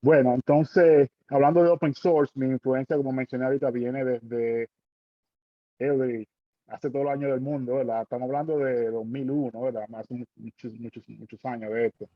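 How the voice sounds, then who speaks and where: A man's voice: medium pitch, steady tone, moderate pace, no echo, muffled recording. A man in his forties with a Dominican accent, speaking as a guest in an online panel talk, hesitant with many fillers and tag questions. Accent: Dominican Spanish. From Dominican Republic.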